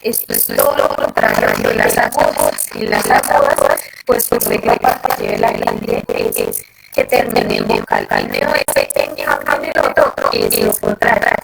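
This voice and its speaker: Teacher in an online class, extremely low and swooping, halting delivery with constant check-ins. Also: wildly swooping pitch, vocal fry, very noisy. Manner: checks in constantly with short questions, halting with fillers. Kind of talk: live online class lecture.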